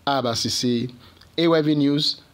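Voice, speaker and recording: A man reading a scripted television news report as the reporter, in a measured reporter's read. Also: medium pitch.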